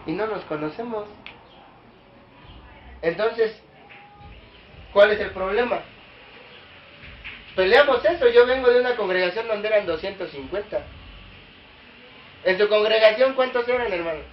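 A man preaches to a small congregation, questioning them directly and building to emphatic peaks. His voice sits high. The recording is echoey and dull, with a faint hiss behind him. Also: moderate pace, pauses often. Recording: echoey room, dull lo-fi sound.

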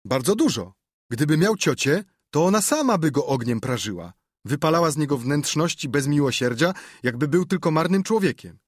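A man's voice: a little high, very animated, moderate pace, slightly rough, no room sound, clean studio sound, voice pushed up. A man voicing a mischievous, sly young boy who plays innocent in an audiobook. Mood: cheeky. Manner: cheeky, pleading innocence.

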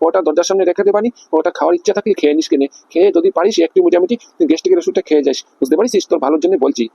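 Cartoon comedy: a man doing a rambling, coaxing husband, gravelly and dark, talking very fast, dull dry lo-fi sound. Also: high voice, expressive, no room sound, exaggerated voice. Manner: coaxing, rambling, full of fillers. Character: fussing, coaxing middle-aged cartoon husband.

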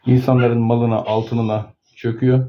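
A man's voice: mid-range voice, flat delivery, normal speed. A man conducting an informal interview, prompting and summing up what he is told. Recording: dull, lo-fi recording.

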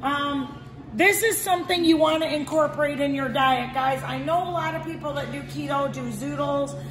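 A shop owner in her forties enthusiastically chats about products at her indoor market stall with shelves for a product demo vlog, filmed on a handheld phone, and keeps saying "okay guys". Her voice sits high at normal speed, and the market hall is echoey with background noise.

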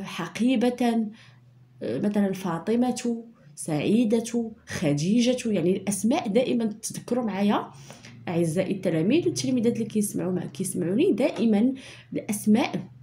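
A woman with a Moroccan Arabic accent teaching a primary school spelling lesson, repeating points patiently and dictating sentences slowly. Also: medium pitch, dark tone, a little hiss or hum. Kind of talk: online lesson explaining handwriting and spelling.

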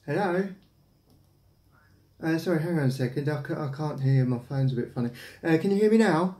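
This caller's voice is on the high side, expressive, a little fast, and slightly mellow. He's a man in his thirties with an English accent pulling a prank in a hesitant, rambling casual phone chat. Sound comes via a camera at roughly arm's length in a small, echoey domestic room indoors.

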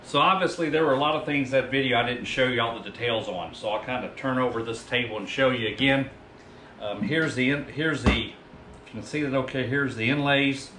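Speaking briskly with a sharp tone and a mid-range voice, a woodworker in his fifties narrates his own project in a loose, rambling way, often fixing what he just said. The setting is a small indoor woodworking workshop, with slight background noise.

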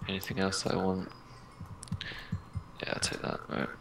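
A man's voice: low voice, completely flat delivery, measured pace, creaky, a bit bright, slight background noise, rough recording. A young man chatting casually and joking while playing a multiplayer game with friends. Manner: laid-back, joking. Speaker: gamer.

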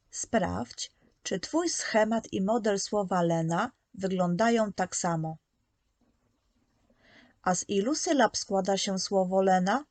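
Guiding small children step by step, a woman narrates a slow, scripted preschool lesson, patiently sounding out every letter. Her voice is medium-pitched and a little mellow, captured in a close, dry recording without room sound.

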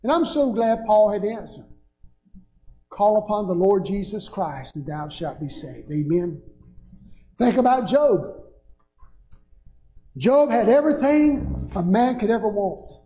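A man's voice: high voice, lively intonation, a little slow, long pauses, mellow. An older man, preaching a sermon from a church pulpit with rising, emphatic bursts. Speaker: pastor. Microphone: pulpit microphone. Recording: echoey church sanctuary.

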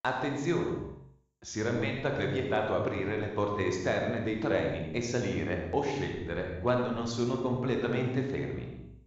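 A man making formal station loudspeaker announcements in measured, clipped official phrasing. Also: lowish voice, a little hiss or hum. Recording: very echoey, distant, muffled, faint ambience.

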